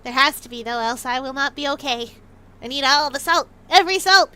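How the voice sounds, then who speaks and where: A woman livestreamer chatting playfully in an excitable, bouncy way, often repeating words for emphasis. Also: sits high, a little fast, clean tone.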